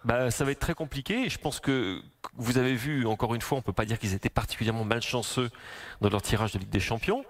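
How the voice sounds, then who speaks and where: A man with a hoarse voice giving football analysis on a radio sports talk show, often hesitating and restarting his sentences. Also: mid-range voice, fast talker. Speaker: football pundit.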